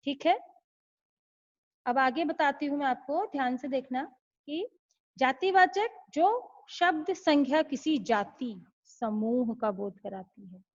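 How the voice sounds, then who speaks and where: High-voiced patient primary school teacher, woman. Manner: patient, repeats questions to check understanding. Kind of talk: online class lesson for young children. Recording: slightly muffled lo-fi audio.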